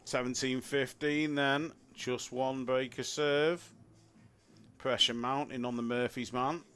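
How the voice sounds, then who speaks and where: Relaxed man commentating on pool. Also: mid-range voice, slow pace, clean tone, faint music behind. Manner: relaxed, chatty, thinks aloud about shot choices.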